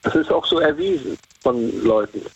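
A man's voice: medium pitch, wildly swooping pitch, normal speed, creaky, breathy edge. A man from Cologne calling in to a radio show, talking in a loose, rambling way over the phone. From Cologne, Germany. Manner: rambling, repeats himself. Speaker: caller. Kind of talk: casual phone-in chat. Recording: muffled phone line.

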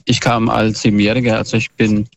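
A man's voice: lowish voice, level tone, brisk, creaky. A man calling in over a phone line, telling his story in a casual, hesitant way with many fillers and restarts. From northern Bavaria. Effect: phoned in over a dull, lo-fi phone line. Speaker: caller.

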